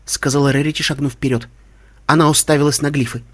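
A man narrating a dark fan story as an audiobook, reading dramatically in first person. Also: on the high side, steady tone, fast talker.

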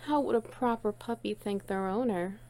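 A woman's voice: medium pitch, normal speed, dark tone, close to an everyday voice. A woman playing a playful, teasing, bossy friend in an intimate one-sided audio role-play, coaxing and doting on the listener. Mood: affectionate, cooing. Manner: teasing, coaxing, cooing praise.

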